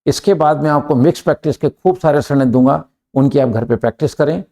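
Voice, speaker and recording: Gravelly Indian man teaching English. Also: a little high, mellow. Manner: slow deliberate dictation of example sentences, frequent "clear?" checks. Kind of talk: grammar lesson mixing Hindi and English.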